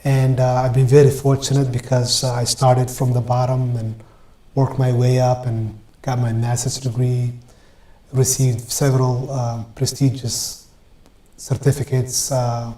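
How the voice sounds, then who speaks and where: A man from Ethiopia, a guest in an interview, answering in a measured way with many pauses and fillers. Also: mid-range voice, little pitch movement, warm tone. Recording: roomy echo.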